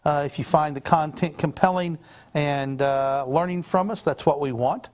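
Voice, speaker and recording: A man's voice: a little high, normal speed. A man hosting a casual sales livestream, upbeat and rambling with frequent fillers. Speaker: livestream host.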